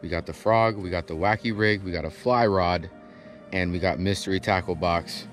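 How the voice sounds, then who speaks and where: Out on a grassy canal bank, a young man hosting a fishing vlog chats cheerfully about his trip and addresses his viewers, recorded by a body-mounted wide-angle action camera. He speaks at a moderate pace in a low voice with fairly even intonation, over background music.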